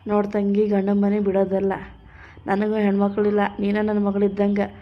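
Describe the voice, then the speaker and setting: A woman's voice: mid-range voice, monotone, fairly quick, lo-fi sound, pitched below the performer's own voice, close to an everyday voice. Woman playing a kindly North Karnataka mother-in-law. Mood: consoling. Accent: North Karnataka Kannada. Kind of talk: comedy skit acting.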